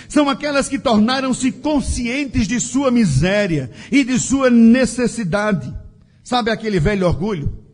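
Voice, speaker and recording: A man preaching a sermon in a slow, emphatic style with a sing-song cadence. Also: very high-pitched.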